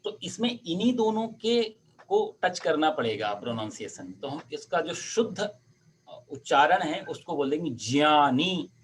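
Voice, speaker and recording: A man's voice: on the high side, sing-song. A man teaching Sanskrit pronunciation on a video call, patiently drawing out each sound. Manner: patient, explains sounds by drawing them out slowly. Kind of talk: online Sanskrit pronunciation lesson.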